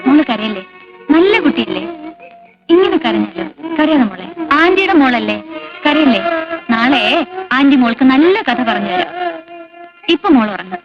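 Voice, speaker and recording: An actress playing a caring aunt who soothes a crying child and calmly discusses the patient. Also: female voice, high-pitched, moderate pace, long pauses, muffled recording, over music. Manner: soothing and coaxing toward the child.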